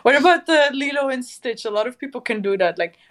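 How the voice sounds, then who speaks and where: A woman's voice: high voice, lively intonation, quick pace. A young woman chatting casually with friends on a podcast, giggly and talkative. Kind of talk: casual chat among friends.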